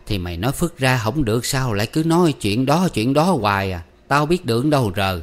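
A man voicing a sharp-tongued, scolding middle-aged village mother who nags her grown son. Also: medium pitch, sing-song, a little fast, voice pushed up, lightly acted. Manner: nagging, scolding.

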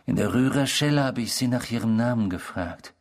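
Smugly reminiscing, a criminal without remorse confesses to a stranger in a German radio drama, voiced by an actor in a measured, provocative, self-satisfied manner. His male voice is mid-range and natural.

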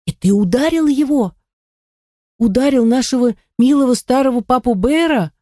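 Reader doing a schoolboy, high-pitched, desperate, pleading, warm tone, dry audiobook sound. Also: animated, moderate pace, no echo. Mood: outraged.

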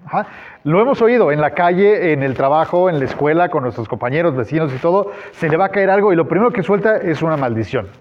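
Man, pastor, sermon, conversational, slightly high voice, dull lo-fi sound. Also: animated, fast, slight background noise. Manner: conversational preaching with fillers, acts out quotes.

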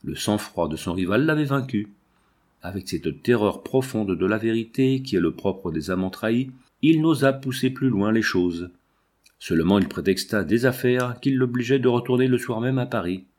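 A man narrating a classic novel as an audiobook in a measured, expressive way. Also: lowish voice.

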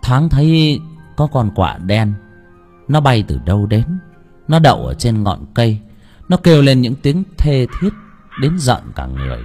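A man's voice: medium pitch, very animated, measured pace, a little mellow, soft background music. A man narrating a dramatic story as an audiobook reader, with emotive delivery.

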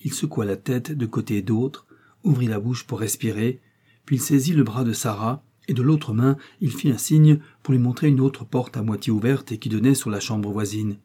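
A man reading a novel aloud in measured, scripted narration. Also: mid-range voice, warm tone, breathy edge. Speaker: audiobook reader.

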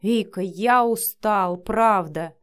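A gruff, blunt man who is quick to anger and barks his words, read by a woman narrating an audiobook. His delivery stays short and rough. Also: mid-range voice, lightly acted. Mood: weary.

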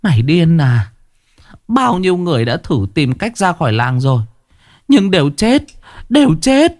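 A man's voice: medium pitch, very animated, normal speed, a little mellow, dry recording, studio quality, natural voice. A man voicing a fearful, scolding old village neighbor woman, in a spoken horror story. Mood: alarmed. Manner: alarmed, scolding.

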